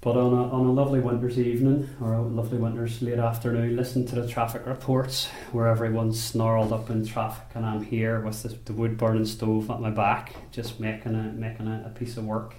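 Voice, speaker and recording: A man from Belfast with a Northern Irish accent, a basket maker talking about his craft in an unhurried, thoughtful way, often restarting his sentences. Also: mid-range voice, monotone, darkish tone, reverberant, a little hiss or hum. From Belfast, Northern Ireland. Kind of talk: interview monologue. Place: rural workshop or home.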